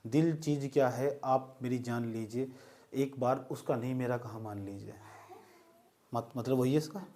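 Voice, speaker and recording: A man's voice: mid-range voice, measured pace, dark tone. A male teacher lecturing a class in a joking way, often stopping to check that students follow.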